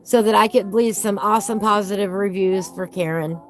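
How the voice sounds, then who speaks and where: A woman's voice: medium pitch, fairly even intonation, moderate pace, faint music behind. A woman chatting casually as a host, with whistling S sounds and a folksy, gushing way of exclaiming. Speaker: host of a coloring book channel. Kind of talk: casual live chat while flipping through a book.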